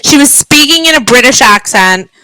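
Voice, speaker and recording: A woman's voice: high voice, lively intonation, moderate pace, noisy background. A woman co-hosting a podcast, chatting and explaining celebrity gossip. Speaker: podcast co-host. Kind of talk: casual chat.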